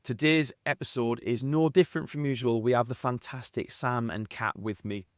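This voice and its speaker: A man with a Sunderland accent softened towards posh, hosting a podcast in a casual interviewing style. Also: medium pitch, fairly even intonation, normal speed, dry recording, studio quality. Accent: Sunderland (Mackem), softened and posh. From North East England. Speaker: podcast host.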